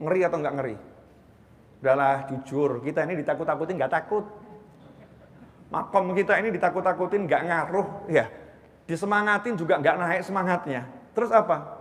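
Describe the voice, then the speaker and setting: High-voiced preacher in a reverberant hall. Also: male voice, moderate pace, long pauses. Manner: emphatic, rhetorical questions, swings between loud and hushed. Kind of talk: sermon.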